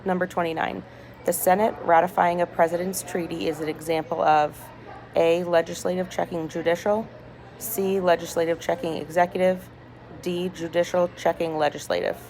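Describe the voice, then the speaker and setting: Low, creaky woman reading in hospital room. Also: flat delivery, a little mellow. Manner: deliberate, item-by-item reading with small stumbles. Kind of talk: reading multiple-choice test questions aloud. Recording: noisy hospital room with background chatter. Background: people talking, ambient noise.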